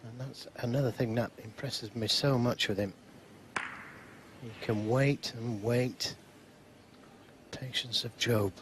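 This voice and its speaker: Unhurried male snooker commentator with background noise. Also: mid-range voice, fairly even intonation, a bit bright. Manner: measured, unhurried remarks in short phrases. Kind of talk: sports commentary. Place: live snooker broadcast commentary.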